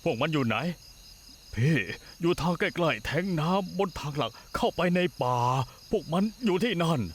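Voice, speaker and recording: A man's voice: on the high side, animated, moderate pace, a little hiss or hum. A curt henchman. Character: gruff henchman reporting to his boss. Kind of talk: Thai dub of a TV drama.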